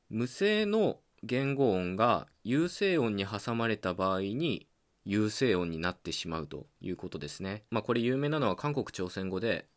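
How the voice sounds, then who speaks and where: In his solo podcast, a man with a fairly low-pitched voice walks through language points. His delivery is calm, patient, and teacherly, and he often pauses on a filler as he moves from one idea to the next.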